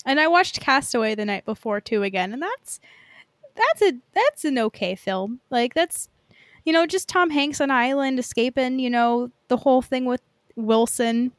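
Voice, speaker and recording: Talking films on a podcast she co-hosts, a young woman rambles casually, filling her sentences with "like." Her high voice has lively intonation at a moderate pace. There's no echo in the recording.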